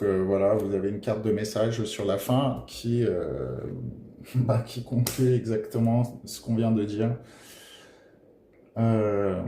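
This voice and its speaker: A man's soft, mellow voice talks through a tarot reading in an easygoing way, stopping often to search for words. He sounds gentle and encouraging. The room is echoey, with a faint hiss of noise underneath. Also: on the low side. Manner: hesitant, full of filler pauses; gentle and encouraging toward viewers. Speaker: tarot card reader. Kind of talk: casual tarot guidance monologue.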